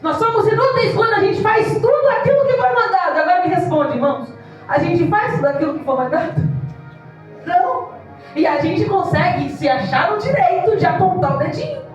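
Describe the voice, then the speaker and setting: Woman pastor, passionate sermon, distant mic in a reverberant church, soft music under. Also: extremely high pitch, animated, a little fast, dull audio. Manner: impassioned, mimics congregants in quoted voices. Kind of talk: evangelical sermon. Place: church hall. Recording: echoey church hall from far off.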